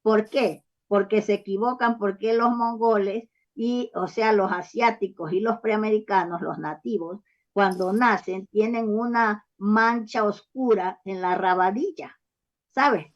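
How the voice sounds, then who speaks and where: Speaking a little slowly in a mid-range voice, a woman author rambles through lengthy interview responses. False starts, hesitations and check-ins like "¿sabes?" and "¿ah?" recur throughout this dull lo-fi recording.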